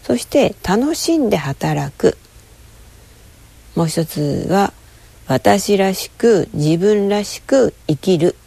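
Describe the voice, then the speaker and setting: A woman chatting casually to camera, rambling and telling a story with lively, acted-out quoted voices. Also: medium pitch, slow pace, creaky, husky, no room sound. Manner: lively, rambling, with frequent fillers.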